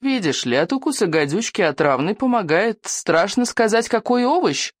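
A man voicing a frail, gloomy old male elder with a creaky, wavering voice who frets over bad omens. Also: high voice, big pitch swings, normal speed, no room sound, voice pushed up. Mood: hushed, grim.

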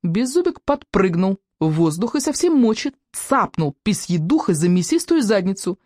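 A woman reading a children's adventure book aloud, playful and animated, her pitch rising and falling widely. The voice is recorded dry and close. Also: normal speed, no echo. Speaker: audiobook narrator. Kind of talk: expressive audiobook narration.

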